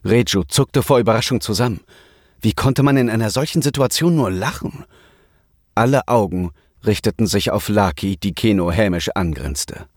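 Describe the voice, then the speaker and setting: A man narrating a German story in a measured, even storytelling voice. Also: on the low side, dry recording, studio quality. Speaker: audiobook narrator. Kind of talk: scripted narration.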